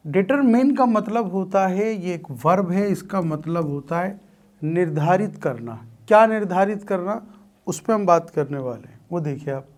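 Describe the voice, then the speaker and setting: A man teaches a grammar lesson at an unhurried, drawn-out pace. He lays out each term slowly, then turns it into a question for the class and answers it himself. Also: sits high, expressive, a little mellow. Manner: slow, deliberate, repeats key terms as questions. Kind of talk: exam-prep grammar lesson.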